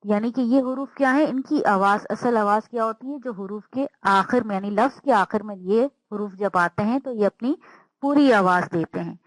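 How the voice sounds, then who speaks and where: A woman's voice: mid-range voice, dry recording, rough recording. Patient woman teaching a language lesson. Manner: spells out words slowly and repeats them.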